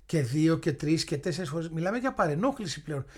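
Husky-voiced male interview host. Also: on the high side, very animated. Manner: chatty, tells personal stories. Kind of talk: conversational interview.

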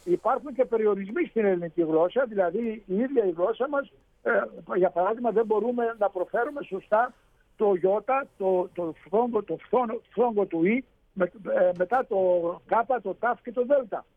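A man's voice: high-pitched, no room sound, narrow, tinny audio. A man explaining Greek pronunciation on a radio show, hesitant, with many fillers and restarts. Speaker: radio show guest speaker on Greek language.

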